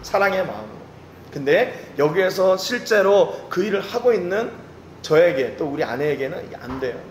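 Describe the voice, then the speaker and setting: Man, pastor, sermon, earnest, repeats phrases, slightly high voice, roomy echo. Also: big pitch swings, moderate pace. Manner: addresses the congregation directly. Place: church service. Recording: roomy echo with faint background noise.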